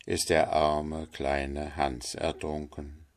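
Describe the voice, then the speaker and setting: A man narrating a fairy tale in a measured, unhurried way. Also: rumbling low, level tone.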